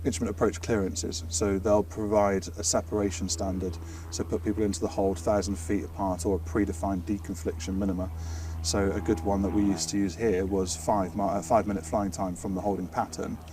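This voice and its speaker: A British man speaks briskly and with hardly any pauses, his fairly low voice showing little pitch movement. Chatting informally in an interview, he explains technical air traffic control work while hesitating and restarting words. A distant mic captures faint background noise and ambience.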